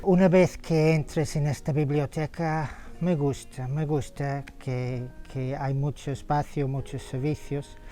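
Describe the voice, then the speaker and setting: Australian man, non-native speaker, slow and hesitant, dark mellow tone, faint music beneath. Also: fairly high pitch, fairly even intonation. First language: English. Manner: hesitant, many fillers and restarts. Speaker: interviewee, photographer. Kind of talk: halting interview answers.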